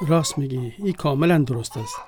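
A man's voice: mid-range voice, a little mellow, a little hiss or hum, lightly acted. A man with an Afghan Dari accent, acting in a radio drama as a friendly visitor who earnestly retells a story. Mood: storytelling.

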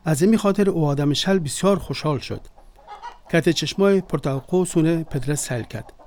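A man's voice: on the high side, darkish tone, slight background noise, close to an everyday voice. A man with an Afghan Dari accent, acting in a radio drama as a friendly visitor who earnestly retells a story. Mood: storytelling.

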